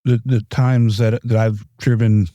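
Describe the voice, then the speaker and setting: Laid-back host guy, mellow voice, keeps repeating words, dry sound. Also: medium pitch, flat delivery, measured pace, no echo, lo-fi sound. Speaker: podcast host. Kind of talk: casual chat.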